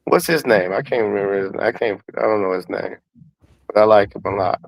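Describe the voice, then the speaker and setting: Speaking briskly in a fairly low voice, a man appearing as a guest commentator gives his takes on sports, cursing freely, using slang, and repeating words to drive points home. The audio quality is poor.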